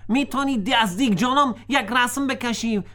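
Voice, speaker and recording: A caring cartoon friend with a high, soothing voice, played by a woman. It speaks with an Afghan Dari accent and encourages a friend. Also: natural voice. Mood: encouraging. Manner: soothing, supportive. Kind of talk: children's cartoon voice acting.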